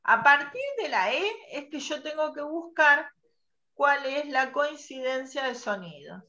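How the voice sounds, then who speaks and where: A woman teacher leading an online class, patiently quizzing students and spelling out sounds slowly. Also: sits high, animated, pushed and bright. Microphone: video call. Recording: muffled online call audio.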